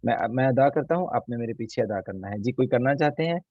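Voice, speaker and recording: A man teaching an online recitation class, patiently repeating each letter slowly so students can copy him. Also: medium pitch, expressive, darkish tone, slightly rough, no room sound, highs cut off. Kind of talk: online tajweed class lesson.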